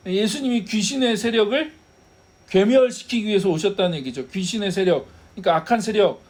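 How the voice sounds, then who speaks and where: A pastor preaching to his congregation in a fairly high voice. He keeps asking rhetorical questions and answers them himself. His delivery stays conversational, with a light laugh here and there. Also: a little mellow. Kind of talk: sermon.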